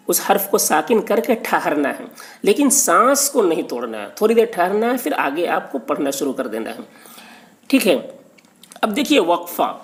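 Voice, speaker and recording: Gravelly-voiced man teaching patiently. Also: high-pitched. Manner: patient and repetitive, often checks with "okay". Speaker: religious teacher. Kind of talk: lesson on Quran recitation stop marks.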